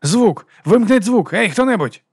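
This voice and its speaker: A man voicing a drugged male detective who rambles giddily and shouts at times, as an audiobook character. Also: a little high, fairly quick, no echo, clean studio sound, lightly acted. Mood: frantic shouting.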